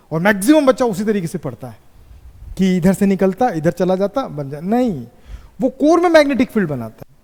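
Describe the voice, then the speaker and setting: High-voiced man teaching in an echoey classroom. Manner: questioning the students; slow dictation. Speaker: physics teacher. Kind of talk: classroom lecture.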